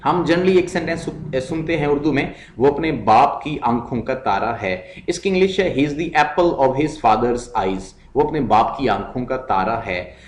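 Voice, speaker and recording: Guy teaching english, slow careful talk, repeats words, echoey room. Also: mid-range voice, lively intonation. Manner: explains in Hindi-Urdu mixed with English, reads English lines slowly and repeats words. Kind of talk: recorded classroom lesson.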